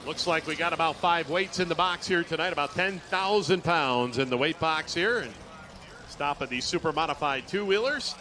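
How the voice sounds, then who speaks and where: A man with a fairly high-pitched, sharp voice calls live commentary at a moderate pace as the announcer for an outdoor tractor pull. Engines and other outdoor noise fill the background of the loud event.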